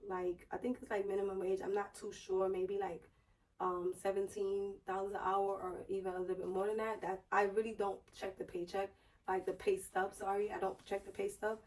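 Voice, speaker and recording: A woman with a hoarse, strained voice and sore throat, chatting casually and explaining things to viewers in a personal vlog. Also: mid-range voice, level tone, moderate pace, darkish tone, far from the mic, low-quality recording. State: hoarse, strained voice just back after losing it, sore throat. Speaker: YouTube vlogger.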